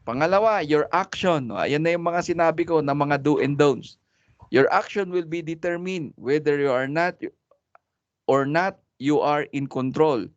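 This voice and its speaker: A man's voice: a little high, no room sound. A man teaching a preaching class in a casual, chatty way, mixing Tagalog and English and laughing often. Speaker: homiletics teacher. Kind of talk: casual Taglish lecture on preaching. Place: church classroom. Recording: dry, dull lo-fi recording.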